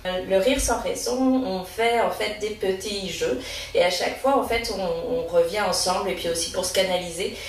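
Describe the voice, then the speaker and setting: A woman's voice: medium pitch, normal speed, distant mic. Woman leading laughter yoga in an echoey room. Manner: encouraging, leads group exercises with counting and vocal sounds. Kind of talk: guided laughter yoga session.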